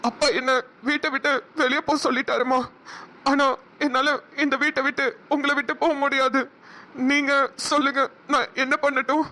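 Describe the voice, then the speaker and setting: A woman's voice: high-pitched, level tone, normal speed, sharp tone. A woman voicing a pleading grown son. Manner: pleading, emotional. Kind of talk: cartoon voice acting.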